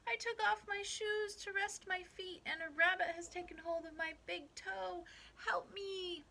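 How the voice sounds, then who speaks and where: A woman voicing a tiny male leprechaun, shrill and frantic at first, then sly and firm, in a read-aloud storybook. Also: fairly even intonation, a little slow, gravelly, pushed and bright, heavily acted. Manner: high, shrill cries.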